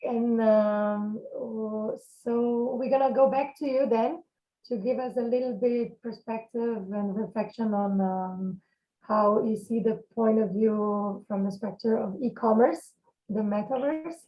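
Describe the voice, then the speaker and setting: Slow, polite woman moderator. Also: a little high, steady tone. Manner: hesitant, polite. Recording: dull call audio.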